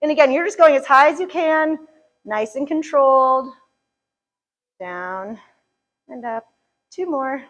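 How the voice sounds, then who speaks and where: A woman's voice: high-pitched, lively intonation, unhurried, long pauses, fairly bright tone, poor audio. A woman leading a live chair yoga class, upbeat and joking as she counts reps, a little out of breath at times. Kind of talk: live fitness class instruction.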